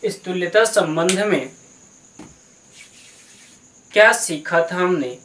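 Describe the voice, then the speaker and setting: A man's voice: high voice, lively intonation, takes it slowly, a bit bright, a little hiss or hum. Patient male math teacher, echoey room. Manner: patient and explanatory, calls listeners "beta" and mixes in English terms. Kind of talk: classroom math lesson.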